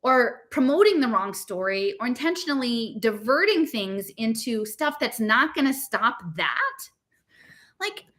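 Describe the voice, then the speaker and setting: An American podcast host reads her blog aloud with commentary in an informal, impassioned monologue for online listeners. Her voice sits on the high side, unhurried and fairly bright, with big pitch swings. She sounds emphatic and exasperated, rambling through rhetorical questions.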